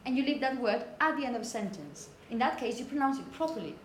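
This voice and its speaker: Her pitch fairly high, this woman speaks fast and animatedly as she lectures students on phonetics, emphasizing example words and regularly asking if they follow. The recording comes from an indoor classroom that's echoey, with noise in the background.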